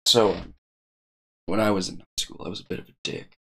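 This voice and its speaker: A man's voice: low-pitched, steady tone, brisk, crowd noise. A young man co-hosting a casual podcast, telling stories in a blunt, profane, emphatic way. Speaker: podcast co-host.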